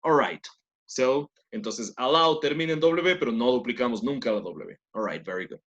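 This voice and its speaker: A man's voice: mid-range voice, animated, normal speed, fairly bright tone, muffled recording. A man from Latin America teaching an English class, explaining grammar step by step and often checking with tag questions. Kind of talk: online class lecture.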